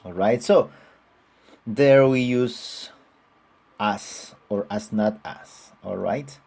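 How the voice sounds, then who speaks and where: Slow, husky-voiced male teacher. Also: fairly low pitch, a little mellow. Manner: patient, repeats examples, frequent "all right?" checks. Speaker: English teacher. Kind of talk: online grammar lesson.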